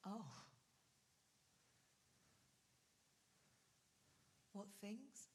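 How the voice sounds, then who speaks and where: A woman's voice: mid-range voice, unhurried, darkish tone, slight background noise, close to an everyday voice. An actress playing a witty young woman being wooed on stage, speaking in a wry, self-assured way. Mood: guarded. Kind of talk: staged theatre performance.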